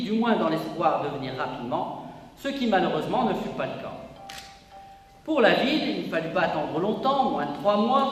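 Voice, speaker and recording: A man, president of a local history society, giving a formal inauguration speech with emphatic, declamatory delivery in an exhibition hall. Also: fairly high pitch. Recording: echoey hall, voice from a distance, faint room noise.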